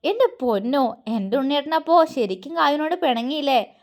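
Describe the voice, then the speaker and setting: A woman voicing a gentle young wife who coaxes and teases softly. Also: high-pitched, lively intonation, a little fast. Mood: coaxing. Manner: coaxing, teasing, soft.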